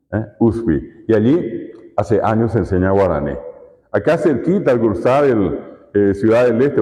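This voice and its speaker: A man's voice: on the low side, dark tone. A man with a Paraguayan Spanish accent giving a conference lecture as a university lecturer, explaining with repeated examples and rhetorical questions. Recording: echoey hall, dull lo-fi sound.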